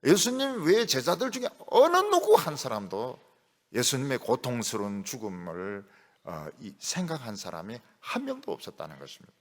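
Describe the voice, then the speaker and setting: A male pastor preaching a sermon to his congregation in a church, speaking with a lively, animated delivery. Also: medium pitch, moderate pace, long reverb tail. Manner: animated preaching, rising to shouts when voicing Jesus's rebuke. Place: church sanctuary.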